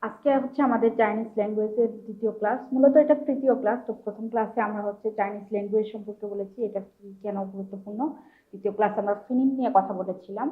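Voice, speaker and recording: A woman's voice: medium pitch, fairly even intonation, rapid-fire, narrow, tinny audio. A woman teaching a recorded language lesson, explaining step by step and sounding out syllables one at a time, with frequent fillers.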